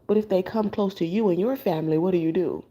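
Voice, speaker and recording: Sleepless tarot reader, loose and blunt. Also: female voice, lowish voice, fast talker, warm tone, rough recording. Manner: loose, conversational, with filler words and frequent restarts; blunt, casual swearing. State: up all night without sleep. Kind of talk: late-night spiritual monologue.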